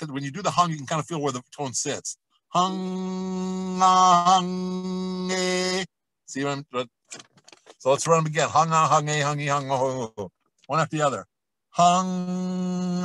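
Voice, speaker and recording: A man voice coach leading a vocal warm-up lesson, explaining each exercise and then demonstrating it with sung vowels and scales. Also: medium pitch, no echo, rough recording.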